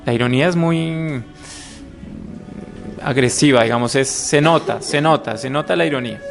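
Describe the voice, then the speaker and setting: A priest gives a conversational catechism lesson to adults, often checking in with his listeners. His voice sits at a middle pitch for a man. Faint music lies under the recording. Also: normal speed, vocal fry. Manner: conversational, acts out little quoted voices, asks "¿mm?" often. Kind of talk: catechism class talk. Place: room with a live audience.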